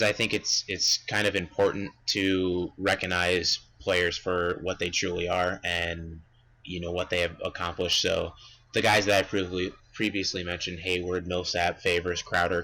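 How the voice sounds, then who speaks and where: Animated bright-voiced young man. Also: sits low, rough recording. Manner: animated, emphatic ranting about stats. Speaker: podcast co-host. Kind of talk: casual sports chat.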